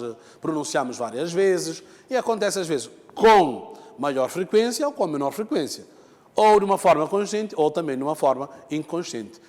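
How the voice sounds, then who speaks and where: A man's voice: fairly high pitch, darkish tone, long reverb tail. A man teaching a lesson, explaining step by step, repeating key terms and checking in with the students. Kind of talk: televised lesson.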